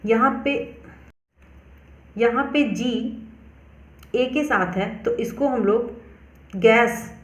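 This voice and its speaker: A woman teacher walks through pronunciation rules at a measured pace, stopping to spell each word out letter by letter. Her voice sits a little high. The room around her gives it a noticeable echo. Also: highs cut off. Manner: slow, deliberate, spells words out letter by letter. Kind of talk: explanatory lesson.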